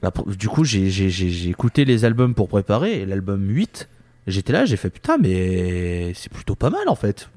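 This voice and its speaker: Male podcast co-host, candid and blunt, low voice, dry room. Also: wildly swooping pitch, moderate pace, a little mellow, dry recording. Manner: blunt, candid, stumbling repeats. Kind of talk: casual podcast chat.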